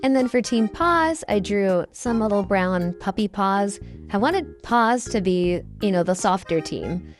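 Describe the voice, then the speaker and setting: A woman's voice: medium pitch, expressive, a little slow, soft background music. A young woman with her voice run through a voice changer, giving casual, unscripted, self-deprecating video commentary in an informal way. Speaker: host, hobby artist.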